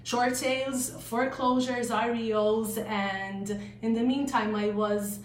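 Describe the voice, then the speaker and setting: Slow-talking Maltese-accented woman in an echoey room. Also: fairly high pitch, steady tone. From Malta. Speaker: real estate agent, interview guest. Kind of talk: casual interview answers. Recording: echoey room, faint noise.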